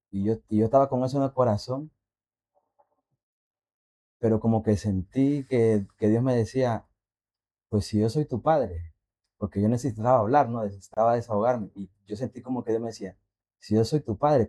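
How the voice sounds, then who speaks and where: Man, lowish mellow voice, halting reflective faith testimony. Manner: halting, reflective, asks listeners questions. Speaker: podcast co-host.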